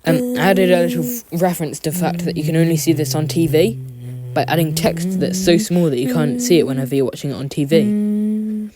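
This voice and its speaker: A woman's voice: fairly low pitch, a little fast, a loud crowd. A woman with a sore throat giving casual, chatty, joking commentary as she narrates her own drawing video. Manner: joking, self-deprecating asides.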